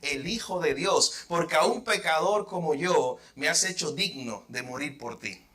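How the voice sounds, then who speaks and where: A pastor voicing a joyful martyr. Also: male voice, a little high, animated, a little slow, pushed and bright, recorded from a distance, pitched below the performer's own voice. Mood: reverent. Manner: praising, reverent. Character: joyful male martyr facing the fire.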